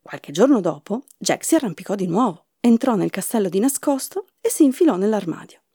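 Expressive woman reading a fairy tale. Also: mid-range voice, brisk, slightly rough, no echo, studio quality. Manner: expressive storybook narration. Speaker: storyteller.

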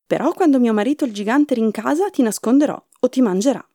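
A woman voicing a scary but kindly female giantess in a storybook tale, loud and bossy. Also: on the high side, expressive, fast, no room sound, studio quality, pitched above the performer's own voice.

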